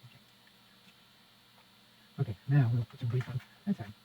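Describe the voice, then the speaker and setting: A man at an indoor repair bench walks through a radio repair at a moderate pace, muttering casual step-by-step remarks to himself and his viewer. His medium-pitched intonation stays fairly even. The lo-fi recording is dull, with faint noise.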